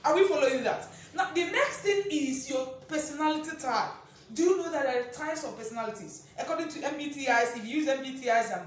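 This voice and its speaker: A woman coach giving a motivational talk to viewers, talking in a descriptive way and checking in with questions, slowing down to stress her words. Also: sits high, distant mic. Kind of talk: direct-to-camera motivational talk. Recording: very echoey room, voice a bit off-mic, faint noise.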